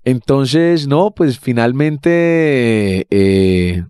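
A man's voice: mid-range voice, lively intonation, very slow, warm tone, smooth, dry recording, studio quality. Young Colombian man in slangy banter. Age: young adult. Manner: slangy, joking, talks in bursts. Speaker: podcast co-host. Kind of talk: casual crude banter.

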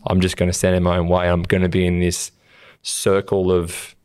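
An Australian man co-hosts a casual motivational chat in a deep, steady voice that barely rises or falls. His tone is smooth and clean, recorded close and dry with no room sound. He talks earnestly and slips into quoted lines of his own. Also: moderate pace, dry recording. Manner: earnest, acts out quotes of himself. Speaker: podcast co-host.

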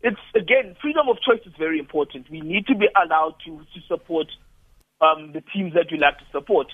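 A man giving measured rugby analysis as a radio guest. He often restarts phrases while he builds an argument. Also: fairly high pitch, expressive, no room sound. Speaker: studio guest commentator. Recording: tinny phone line.

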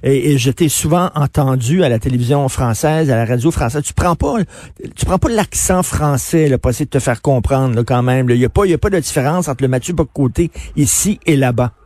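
Chatty Québécois radio host, dry sound. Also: male voice, medium pitch, lively intonation, brisk, darkish tone, no room sound. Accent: Québécois French. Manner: chatty, casual fillers. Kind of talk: conversational interviewing.

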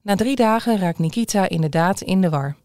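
A woman reads a news feature aloud in a steady, measured way. Her voice sits in a middle register and is recorded close-up in a dry booth with no room sound. The delivery is even and scripted. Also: mid-range voice, no room sound. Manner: calm, measured reading. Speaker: newsreader.

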